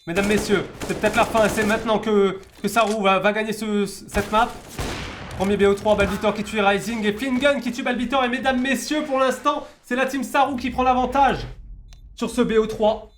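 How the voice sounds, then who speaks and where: A French esports caster with a high, slightly bright voice gives informal live commentary on a video game match at a normal speed and a fairly even intonation. He repeats words while hunting for his next phrase, over a noisy game stream full of gunfire and clicks.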